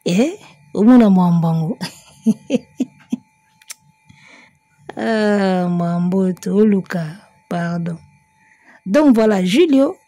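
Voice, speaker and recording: In a warm, medium-pitched voice, a woman offers casual music commentary that blends French with Lingala. Her manner is chatty and emphatic, and she occasionally starts singing. The recording is dry.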